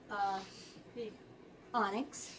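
A woman's voice: medium pitch, distant mic, very noisy. A woman hosting a live fabric sale, chatting casually as she reads out color names. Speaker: quilt shop host.

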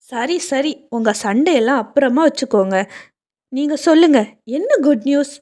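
A middle-aged mother cutting short a family squabble, brisk and amused, voiced by a woman in an audio storybook. The voice is high and quick. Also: animated, darkish tone.

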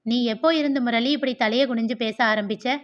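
A woman's voice: fairly high pitch, a little fast, close to an everyday voice. A woman voicing a stern elderly mother who gives firm commands. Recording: dull lo-fi recording.

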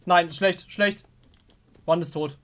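A man's voice: high-pitched, steady tone, slow, a bit bright. A young German man commenting on a horror game as he plays, muttering to himself and yelping at scares. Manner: jumpy, talks to the game characters, mutters under breath. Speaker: gaming video host.

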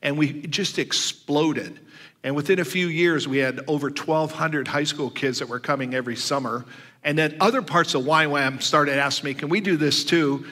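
Older man, preacher, sermon storytelling, bright forceful voice, acts out dialogue. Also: a little high, normal speed, in a large hall. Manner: animated storyteller who acts out quoted dialogue. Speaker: guest preacher.

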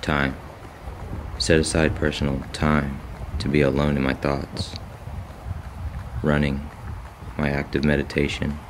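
A man in his thirties giving a measured, contemplative scripted voice-over for a vlog. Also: rumbling low, completely flat delivery, a little hiss or hum. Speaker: vlogger. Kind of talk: scripted reflective voice-over narration.

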